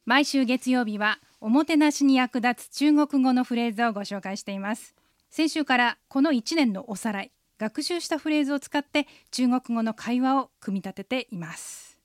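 A woman hosting a radio language lesson, calmly guiding listeners through the phrases. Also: on the high side, moderate pace, no room sound, studio quality.

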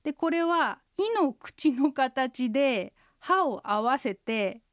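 A woman co-hosting a radio language lesson, slowly and carefully explaining how sounds are pronounced. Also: high voice, lively intonation, no room sound, clean studio sound. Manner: slow, careful explanations of pronunciation. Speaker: Chinese language instructor and co-host. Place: radio studio.

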